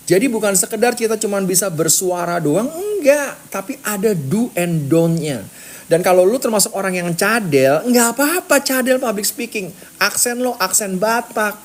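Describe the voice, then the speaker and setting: A man coaching public speaking in casual, slangy talk, firing rhetorical questions at the viewer. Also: on the high side.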